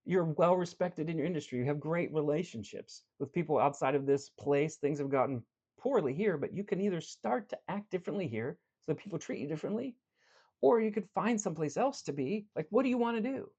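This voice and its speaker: This man's voice sits a little high, with a breathy edge, and he speaks fairly quickly. As a life coach in an earnest, direct motivational talk, he shares a story from his work, moving back and forth between animated bursts and quiet moments.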